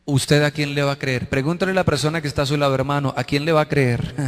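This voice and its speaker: A Colombian man preaching as pastor, animated, quizzing the congregation to finish his sentences and acting out people in mocking voices. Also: a little high, fast, big-room sound. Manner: acts out worshippers and quarrelling couples in mocking voices. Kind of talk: sermon.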